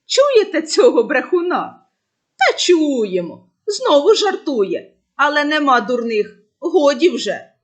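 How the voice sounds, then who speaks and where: A woman doing gruff grumbling shepherds. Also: high voice, big pitch swings, slow, voice pushed up, heavily acted. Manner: gruff, scolding. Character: grumbling village shepherd men. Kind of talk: storybook voice acting.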